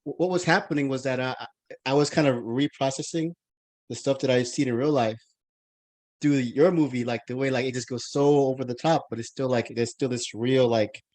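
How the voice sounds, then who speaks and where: A man's voice: medium pitch, fairly even intonation, fairly quick, darkish tone. Rambling American man hosting a podcast. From United States. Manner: rambling, many restarts and fillers. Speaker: podcast host. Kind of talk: casual interview chat.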